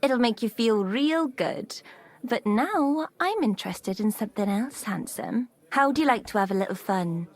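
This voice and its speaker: A woman's voice: on the high side, very animated, slow, full character voice. An actress playing a seductive medieval bathhouse woman in a video game, coaxing and suggestive. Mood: flirtatious.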